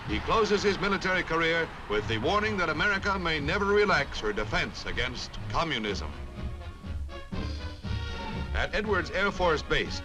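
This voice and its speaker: A man's voice: fairly high pitch, low-quality recording. A man giving dramatic, declamatory 1950s newsreel narration with wry quips, heard as old newsreel sound from a film soundtrack. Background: music.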